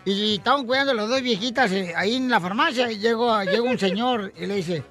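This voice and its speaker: Playful male radio host, high bright voice, music faint behind. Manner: joking, playful, quick to laugh. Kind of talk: comedic radio banter.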